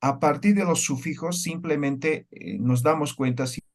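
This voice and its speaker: Higher-pitched male teacher quizzing his class. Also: moderate pace. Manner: explains step by step and keeps checking with the class through questions. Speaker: language teacher. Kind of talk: classroom lecture.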